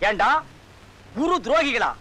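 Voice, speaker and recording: High bright-voiced bully priest, insults everybody, old film comedy. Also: male voice, sing-song, unhurried, full character voice. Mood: ranting. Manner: scolding, insulting, mocking. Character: loud bullying male village sorcerer-priest, middle-aged, scornful. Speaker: village sorcerer-priest. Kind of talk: 1990s film comedy dialogue.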